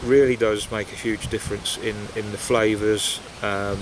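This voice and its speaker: A man's voice: on the low side, flat delivery, moderate pace. A man chatting casually and reflectively, with a hesitant, meandering delivery, outdoors in woodland. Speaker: pipe-smoking vlogger. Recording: outdoor wind noise, basic equipment. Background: wind and rustling leaves.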